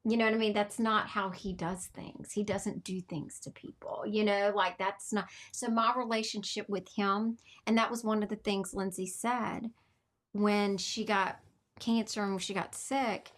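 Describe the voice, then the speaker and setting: A middle-aged woman hosts a podcast, sharing an emotional story in a casual, heartfelt chat. Her voice is medium-pitched and unhurried, and she tells it animatedly, emotional and laughing.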